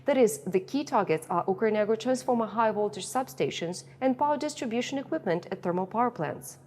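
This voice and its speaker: Reverberant, slightly noisy audio from inside a concrete bunker carries a woman's voice with a Ukrainian accent. She delivers a prepared statement as a spokeswoman, at a medium pitch. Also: expressive, fairly quick, a little mellow. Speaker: energy company press secretary. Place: bomb shelter. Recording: long echo of concrete shelter, noisy.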